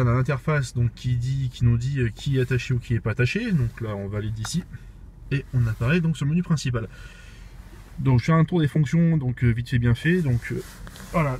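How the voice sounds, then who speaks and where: A man's voice: mid-range voice, a little mellow, a little hiss or hum. A young man showing a car's cabin in a casual walkthrough, filling his talk with "euh" and restarts, filmed on a phone inside the car. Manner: chatty, heavy with fillers and restarts. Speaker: car reviewer. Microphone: phone camera.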